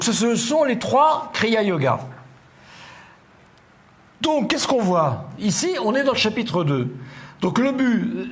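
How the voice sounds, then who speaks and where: A middle-aged man with a rather high-pitched voice delivers a philosophy lecture to a seated audience. He explains patiently, circling back with hesitations and little asides to check that listeners follow.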